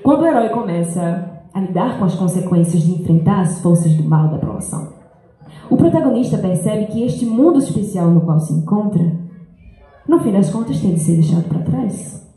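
A woman's voice: medium pitch, lively intonation, a little fast, dark tone. Earnest woman reading a talk in an echoey hall. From Brazil and France. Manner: earnest, reflective, reads from paper. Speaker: speaker giving a school talk. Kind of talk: reading a personal talk aloud. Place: large school hall, indoors. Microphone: handheld mic.

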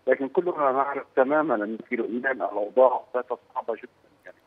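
A male political analyst calling in to a news program on a bad phone line, speaking hesitantly and pausing to search for words. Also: medium pitch. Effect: poor-quality phone line. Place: Beirut, by phone. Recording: tinny, husky phone line.

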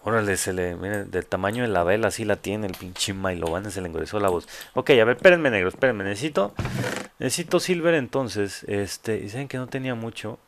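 A man's voice: on the low side, fairly quick, a little hiss or hum. A man with a Mexican accent giving casual, joking let's play commentary full of crude slang. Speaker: gamer host.

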